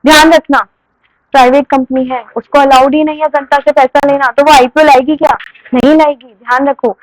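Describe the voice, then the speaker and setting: A high-pitched young woman lectures a classroom on commerce. She keeps asking questions and answering them herself, and her voice sounds dry and close. Her tone turns firm when she scolds the class. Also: fairly even intonation, a little fast, dry recording, poor audio. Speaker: teacher.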